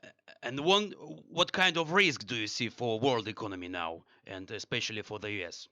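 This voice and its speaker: A man caller asking questions over the phone, halting with many fillers and restarts. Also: lowish voice, expressive, bright, forceful tone, no room sound. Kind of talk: prank call questions.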